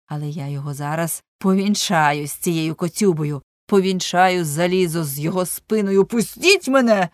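A woman reading an audiobook voices a furious young man who shouts and threatens, defiant. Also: lowish voice, moderate pace, hardly any pauses, dry recording, clean studio sound, lightly acted.

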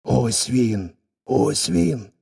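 A man's voice: medium pitch, lively intonation, extremely slow, gravelly, dark tone, breathy edge, full character voice. A man voicing a cowed, frightened lion. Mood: scared, gloomy. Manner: gloomy, whispering in fear. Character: humbled, frightened male lion. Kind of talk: folk tale reading.

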